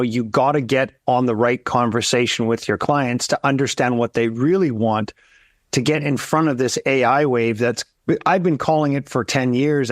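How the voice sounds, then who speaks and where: A man's voice: mid-range voice, dry recording. Enthusiastic male podcast host, dry sound. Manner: energetic, enthusiastic, talks in restarts. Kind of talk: casual conversational interview.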